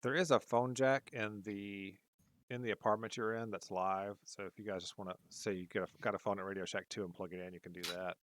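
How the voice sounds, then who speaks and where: A man's voice: on the low side, fairly even intonation, a little fast, fairly bright tone, no echo. A man narrating a tabletop game as game master, easygoing with many fillers.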